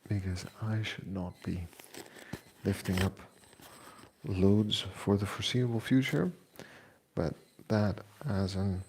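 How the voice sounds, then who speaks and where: Slow, gravelly man in his forties. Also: deep voice, fairly even intonation, a little mellow, slight background noise. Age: 40s. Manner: unhurried, reflective, pauses with fillers. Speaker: fitness vlogger. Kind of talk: casual chat. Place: home kitchen.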